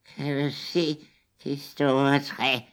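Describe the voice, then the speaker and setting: A man playing a sly, high old witch. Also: level tone, clear, resonant tone, natural voice. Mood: coaxing. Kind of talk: children's fairy tale reading.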